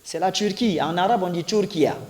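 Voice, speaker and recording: A man's voice: sits high, normal speed, a little mellow, big-room sound. A man teaching an Arabic lesson to a class, patiently repeating examples and quizzing his students. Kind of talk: classroom lesson explaining grammar.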